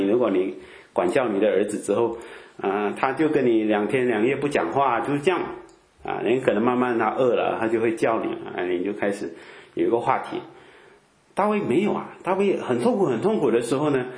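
A man preaching in a relaxed, conversational way, filling his talk with drawn-out "ah" sounds and rhetorical questions. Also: medium pitch, roomy sound. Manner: chatty, peppers speech with drawn-out "ah" fillers and rhetorical questions. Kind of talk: conversational Bible teaching.

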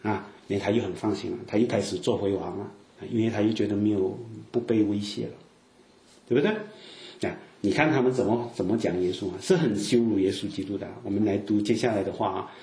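Speaking with a southern Chinese accent, a man from southern China delivers a sermon in a loose, conversational style packed with fillers and asides. His voice is lowish, brisk and warm, in an echoey room.

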